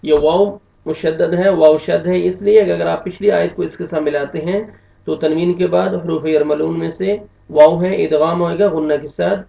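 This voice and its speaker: A Pakistani man with a high, gravelly voice teaches Quran recitation syllable by syllable, drawing the verses out in slow chant. He sounds set back from the mic, in a roomy, echoing space on a dull, lo-fi recording. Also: steady tone, dark tone. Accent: Pakistani Urdu. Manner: slow drawn-out chanting of verses between brisk explanations. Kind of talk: spelled-out recitation lesson. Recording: dull lo-fi room echo from a distance.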